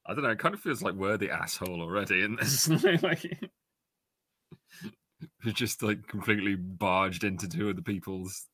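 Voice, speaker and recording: A man with a low voice and a bright, forceful edge co-hosts a live stream. He chats casually and jokes along. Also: animated, moderate pace, slightly rough, no room sound. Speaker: co-host of a live gamebook stream. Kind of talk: casual joking chat.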